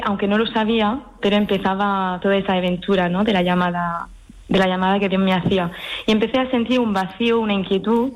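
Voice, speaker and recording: A woman raised in France, now a nun, recounts her calling in a gentle, thoughtful voice. She talks slowly and reflectively, often hesitating and starting her sentences over. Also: mid-range voice, low-quality recording. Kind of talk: personal vocation testimony.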